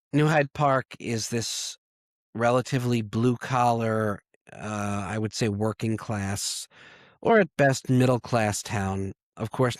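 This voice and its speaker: A man, hoarse and congested from a cold, talking candidly and self-deprecatingly as a podcast host. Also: fairly low pitch, dry recording, studio quality. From Long Island, New York. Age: 30s. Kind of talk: personal confessional monologue.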